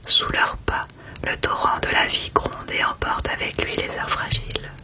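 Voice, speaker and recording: Whispering woman in a soft ASMR book chat. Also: normal speed. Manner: soft library whisper, hushed and unvoiced. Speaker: ASMR creator reviewing books.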